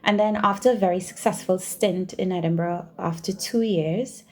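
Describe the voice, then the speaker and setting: This podcast guest, a doctoral researcher and university teacher from Trinidad and Tobago, speaks with a Trinidadian accent in a voice on the low side at a moderate pace. She responds to interview questions conversationally and leans on repeated phrases for emphasis.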